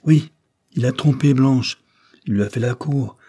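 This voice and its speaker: A man's voice: mid-range voice, a little slow, dark tone, voice pushed up, close to an everyday voice. A man reading an audiobook plays a stern older aristocrat, the count, who lectures and reproaches in a severe tone. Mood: informative.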